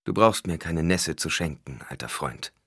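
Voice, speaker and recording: A man voicing a blinded young ruler, calm and commanding, speaking with measured authority in a deep voice that rises and falls widely. The storybook reading sounds dry and close. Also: husky, no room sound, heavily acted.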